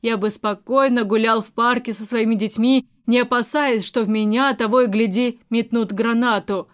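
A woman's voice: a little high, fairly even intonation, moderate pace, close to an everyday voice. Woman voicing a bitter, weary rich man.

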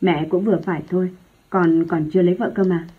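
A woman voicing an earnest young man in love who argues firmly but respectfully with his mother, in a husky low voice. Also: steady tone, fast talker. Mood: arguing. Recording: tinny phone-like lo-fi sound.

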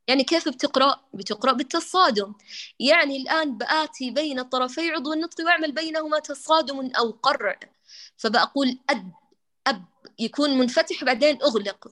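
A woman with a slightly high voice teaches an online tajweed correction lesson for Quran recitation. She is patient and affectionate, modeling each letter sound over and over and calling her students "dears."

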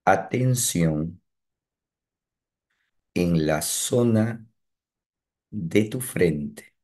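A man guides a meditation, offering calm instructions in short phrases separated by long pauses. His voice sits low.

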